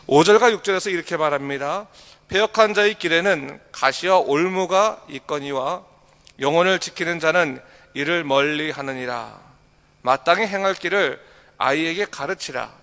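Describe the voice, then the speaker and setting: Brief: male pastor, morning sermon, slightly high voice, rhetorical questions to the flock, church reverb. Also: a bit bright. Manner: asks the congregation rhetorical questions and reads scripture aloud slowly. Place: church sanctuary. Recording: long hall reverb.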